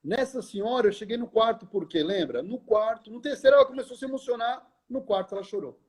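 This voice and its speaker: A middle-aged man, a lecturer, telling a story in conversation in an animated way, acting out the dialogue and often speaking to the host by name. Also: sits high, quick pace, slightly rough.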